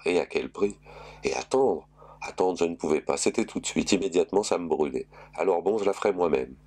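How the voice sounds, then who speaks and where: A man reading a novel aloud, telling a first-person story in a measured, wry way. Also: low-pitched, darkish tone. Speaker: reader.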